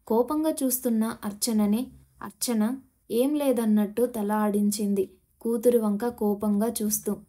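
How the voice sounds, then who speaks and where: Mellow woman narrating an audio story. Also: a little high.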